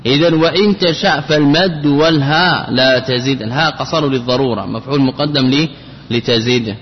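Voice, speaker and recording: A man's voice: medium pitch, fairly quick. A male teacher gives a classroom lecture on grammar. He keeps asking rhetorical questions and repeating key phrases as he explains. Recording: dull lo-fi recording with long hall reverb.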